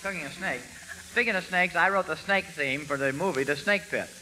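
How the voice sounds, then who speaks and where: A man's voice: fairly high pitch, a little fast, slight background noise, poor audio. A man playing a bumbling, giggly professor in a 1940s radio comedy routine, garbling song lyrics into spoonerisms and laughing at his own jokes. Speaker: comic singer playing a professor. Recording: old radio broadcast with loud band music.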